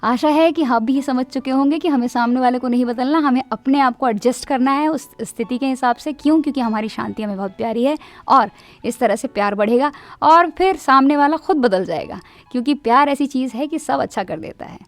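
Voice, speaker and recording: High-voiced woman storyteller over soft music. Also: brisk. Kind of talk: told moral story narration.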